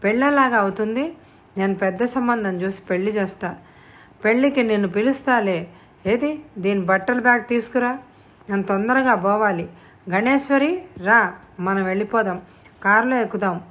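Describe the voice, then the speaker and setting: A woman's voice: mid-range voice, moderate pace, pauses often, fairly bright tone, natural voice. A woman voicing a domineering, bullying father who scolds and barks orders in an audiobook. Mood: coaxing. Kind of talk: audiobook character reading.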